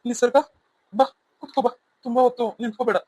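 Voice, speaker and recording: A man voicing a gentle, loving young husband in a cartoon serial, soft and soothing. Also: extremely high pitch, little pitch movement, fast, no echo. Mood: tender. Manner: tender, soothing.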